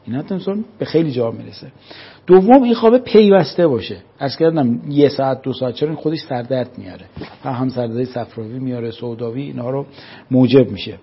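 A man lecturing a class, animated and full of rhetorical questions. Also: medium pitch, breathy edge, dull audio. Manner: animated, rhetorical questions, acts out scolding parents. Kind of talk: religious-minded lecture to a class.

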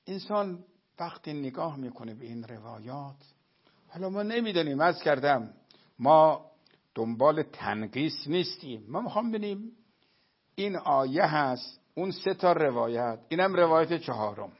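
Guy with a fairly high voice doing a religious talk, retelling old stories, slow arabic quotes, kinda dull muffled audio. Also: animated, breathy edge. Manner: storytelling, addresses listeners as dear friends; recites Arabic quotations slowly. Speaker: religious lecturer. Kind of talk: religious lecture on narrations. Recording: dull lo-fi recording.

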